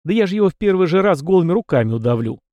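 A man's voice: high voice, sing-song, very fast, no room sound, dull audio, pitched above the performer's own voice. A man reading an audiobook, voicing a brash, proud young male warrior who speaks curtly and with scorn. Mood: scornful. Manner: scornful, curt.

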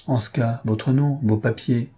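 A man's voice: mid-range voice, fairly even intonation, measured pace, mellow, husky. A man voicing a stern, suspicious middle-aged investigating judge in an audiobook, with curt, probing questions. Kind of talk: audiobook character reading.

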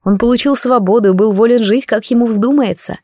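A woman narrating a first-person audiobook in a wry, expressive way. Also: a little high, brisk, dry recording, clean studio sound.

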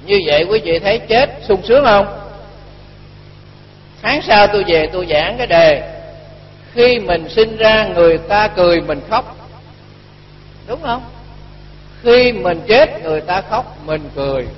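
An animated, high-pitched man, a Buddhist monk teacher, talks a little slowly and pauses often while giving a folksy, colloquial dharma talk and acting out dialogue from his stories. The audio is dull lo-fi with long hall reverb and faint hum.

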